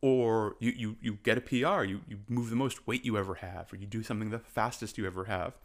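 A man's voice: lowish voice, steady tone, a little fast. Passionate fitness coach, emphatic man. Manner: passionate, emphatic, repeats for stress; moves about while talking. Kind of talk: motivational talk to camera.

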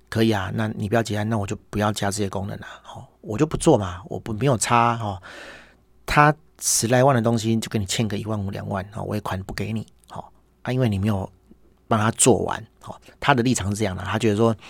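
A man's voice: fairly low pitch, gravelly, dry recording. A man with a Taiwanese Mandarin accent chatting casually as a podcast host, telling stories in a wry, exasperated way and tagging his sentences with "hor". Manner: chatty, peppers speech with "hor" tags. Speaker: podcast host, business owner. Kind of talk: casual monologue.

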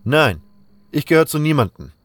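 Wolf, a calm friendly young hunter, as a man voices him. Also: on the high side, normal speed, pitched above the performer's own voice. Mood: easygoing. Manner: calm, easygoing, matter-of-fact.

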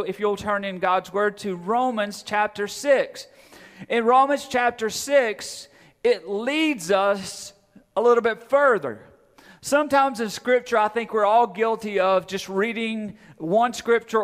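A man preaching a sermon to his congregation, asking questions and repeating phrases for emphasis. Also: sits high. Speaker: pastor. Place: church hall. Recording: long hall reverb.

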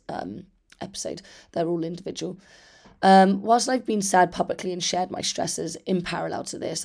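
Podcast host, female, 30s, British. Slightly low, hoarse, partly lost voice; chatty, candid solo delivery. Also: a little mellow. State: hoarse after losing voice. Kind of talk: casual solo podcast talk.

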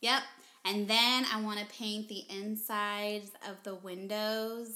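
A woman's voice: mid-range voice, steady tone, slow, bright, forceful tone. A woman chatting casually with her husband for their vlog, chatty and giggly, rambling a little. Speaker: wife in a couple's vlog. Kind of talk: casual chat.

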